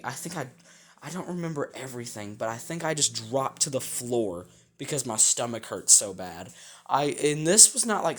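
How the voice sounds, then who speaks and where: A young man with a sore, rough throat, casually telling a rambling story for his vlog, full of fillers and self-corrections. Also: medium pitch, a bit bright. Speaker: storytime vlogger.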